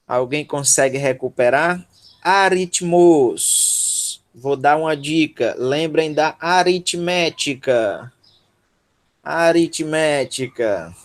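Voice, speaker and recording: Slow patient Brazilian Portuguese teacher, man. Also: fairly high pitch. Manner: slow, patient, syllable by syllable, checks in with "tá?". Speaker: Greek language teacher. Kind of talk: online workshop lesson.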